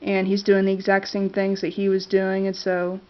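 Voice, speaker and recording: A woman vlogger with a cold talks casually to the camera about her favorite movies, her mid-range voice flat and monotone at a normal speed. She hesitates a lot, filling gaps with fillers and restarts, and clears her congested throat. The dull lo-fi camera audio adds to the effect.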